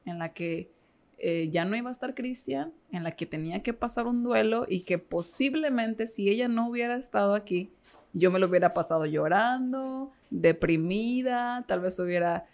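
Woman guest, gravelly voice, candid storytelling, lots of fillers. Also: mid-range voice, expressive, moderate pace, a little mellow. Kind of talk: casual interview chat.

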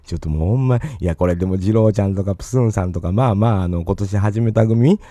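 A man's voice: fairly low pitch, fast talker, warm tone, dry recording. A man with a Kansai accent hosting a podcast, rambling chattily on his own with lots of fillers and asides. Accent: Kansai Japanese. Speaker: podcast host. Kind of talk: casual solo podcast talk.

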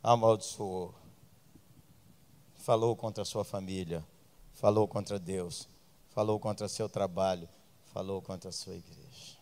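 A Brazilian man preaching a sermon as pastor, joking with the congregation and breaking into loud outbursts. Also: deep voice, steady tone, measured pace, long pauses, in a large hall.

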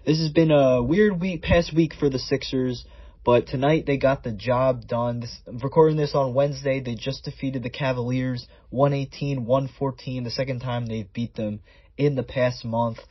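A man's voice: medium pitch, fairly even intonation, normal speed, slightly rough, no room sound. A man hosting a solo sports podcast in a conversational, stat-by-stat way, his voice sounding muffled and underwater. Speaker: podcast host.

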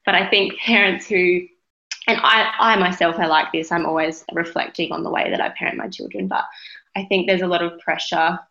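A woman's voice: lowish voice, steady tone, moderate pace, creaky, pushed and bright, lo-fi sound. An Australian woman speaking as an interview guest, reflective and feeling her way through her phrases in a conversational style. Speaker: interview guest, parenting advocate.

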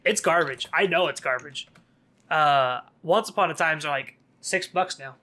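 Bright-voiced man chatting casually. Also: a little high, normal speed. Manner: sarcastic, laughs often. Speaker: podcast co-host. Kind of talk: casual card game chat.

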